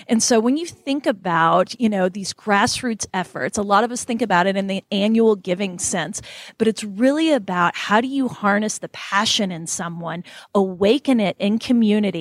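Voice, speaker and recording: A woman's voice: medium pitch, no echo, studio quality. A woman with an Oklahoma accent co-hosting a podcast in a conversational, enthusiastic and folksy way. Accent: Oklahoma (Okie). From Oklahoma, United States. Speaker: podcast co-host.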